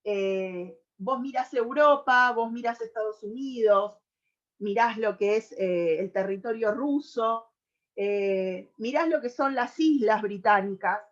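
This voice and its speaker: Slow-speaking Argentine woman on radio. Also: fairly high pitch, muffled recording. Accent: Argentine Spanish. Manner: thoughtful, with many hesitations and restarts. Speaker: radio presenter. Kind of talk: explanatory radio talk.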